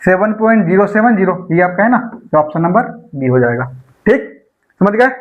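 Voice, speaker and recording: Over phone-quality sound, a very animated maths teacher with a high-pitched voice guides students through exam problems in an online lecture. He talks through every step, slowly repeats numbers along the way, and constantly asks rhetorical questions.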